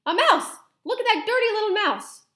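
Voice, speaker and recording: A woman voicing hostile, excitable male kitchen workers from a children's storybook, yelling short urgent commands. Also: high-pitched, brisk, natural voice. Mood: alarmed disgust. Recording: roomy, echoey sound.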